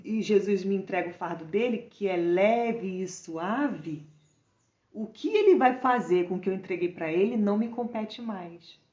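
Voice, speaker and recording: A Brazilian woman preaches in a chatty, informal way, with a fairly high voice. She keeps asking her listeners rhetorical questions. The audio is echoey and a little dull. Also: darkish tone. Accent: Brazilian Portuguese. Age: adult mother. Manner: conversational, addresses listeners as "gente", asks rhetorical questions. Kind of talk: informal sermon.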